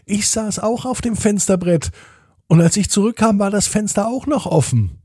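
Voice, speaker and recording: A man's voice: mid-range voice, very animated, normal speed, vocal fry, dark tone, husky, no echo, clean studio sound, heavily acted. A man voicing an earnest young girl in a children's story, who pleads and confides. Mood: excited. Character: dreamy young girl, older twin sister.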